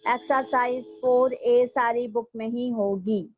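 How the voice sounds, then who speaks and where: A fairly high-voiced woman teaching a recorded maths class, patient and methodical, going through each step and repeating it slowly. The sound is dry and a little dull, like a lo-fi home recording. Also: fairly even intonation, no room sound. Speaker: school teacher. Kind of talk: recorded online maths lesson.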